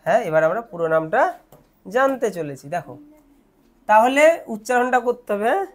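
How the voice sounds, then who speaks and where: A woman's voice: fairly high pitch, animated. Bengali woman teacher explaining lesson. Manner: asks questions and answers them herself, repeats words slowly.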